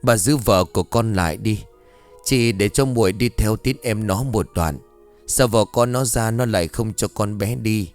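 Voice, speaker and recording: A man's voice: fairly low pitch, moderate pace, faint music behind, close to an everyday voice. A man voicing a grieving father giving urgent instructions in a ghost story.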